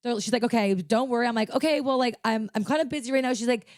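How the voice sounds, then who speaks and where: Animated young woman telling a story. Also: on the high side, rapid-fire, no echo, studio quality. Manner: animated storytelling, acting out both sides of a call. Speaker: podcast co-host. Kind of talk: casual chat.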